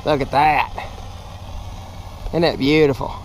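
Slow and fairly even in intonation, a middle-aged American man with a voice on the high side talks plainly and casually about roof cleaning, his trade, while showing it to the camera from a ladder at the roofline. The audio is poor, shot outdoors on an action camera with wind and machinery noise.

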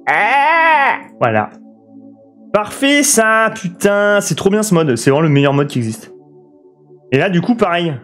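A young French man streams a city-building game, chattering excitedly, cursing at traffic and answering his viewers. His voice sits a little high. Soft guitar music plays faintly underneath. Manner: excitable, swears a lot, talks to chat. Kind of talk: live city-builder gameplay commentary.

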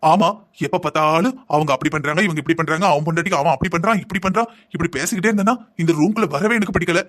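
Man playing a cartoon husband, thrifty, patient, lecturing, rapid-fire talk, higher voice. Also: lightly acted. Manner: calm lecturing, explaining at length. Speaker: husband in a cartoon family drama. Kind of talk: Tamil cartoon voice acting.

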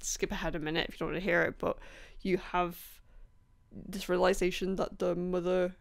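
A woman chatting casually about books she has read, rambling with many ums, apologizing and laughing softly, her voice a bit rough. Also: fairly low pitch, flat delivery, normal speed. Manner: apologetic, laughs between points. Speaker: book vlogger. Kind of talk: casual book review chat.

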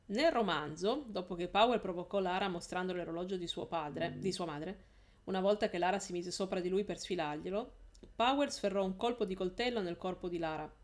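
A woman hosting a live stream, reading a novel aloud in a casual way, often correcting herself and laughing. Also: lowish voice.

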